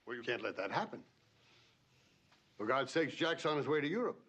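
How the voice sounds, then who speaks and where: An actor playing an older man, a domineering father who scolds his son in a brisk, commanding way. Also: mid-range voice, expressive, a bit bright.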